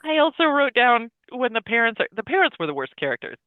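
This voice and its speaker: A man co-hosting a podcast in casual movie talk, expressive and acting out quoted lines. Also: very high voice, quick pace, clear, resonant tone, no echo. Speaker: podcast co-host. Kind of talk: casual movie review chat. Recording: dry tinny phone-like line.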